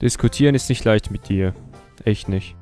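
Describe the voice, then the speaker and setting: A man's voice: lowish voice, moderate pace, loud music behind the voice. A young man hosting a comedy video, mocking and sarcastic as he comments, often laughing. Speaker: YouTuber host.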